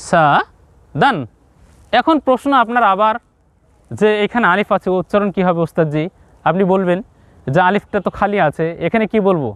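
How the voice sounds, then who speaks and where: A man's voice: sits high, no room sound. A man with a Bangladeshi Bengali accent teaching Quran reading, sounding out syllables step by step and asking questions he then answers himself. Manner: drills syllables slowly, asks and answers his own questions. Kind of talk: step-by-step recitation lesson to viewers.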